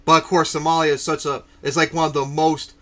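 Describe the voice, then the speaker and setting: A man's voice: fairly high pitch, little pitch movement, a little fast, sharp tone. A man hosting a casual political chat show, ranting and swearing, with many fillers. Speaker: podcast host.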